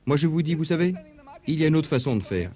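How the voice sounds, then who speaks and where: A man preaching in a dubbed religious lecture, emphatic, asking rhetorical questions, his pitch swinging up and down. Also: expressive, quick pace, dark tone.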